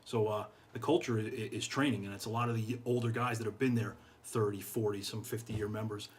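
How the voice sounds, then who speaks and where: Speaking fairly quickly in a lowish voice with fairly even intonation, a middle-aged American man is interviewed as a guest; he's a fire chief. His tone is casual yet earnest, and he repeats phrases to stress points. The indoor podcast studio recording has clear background noise and room ambience.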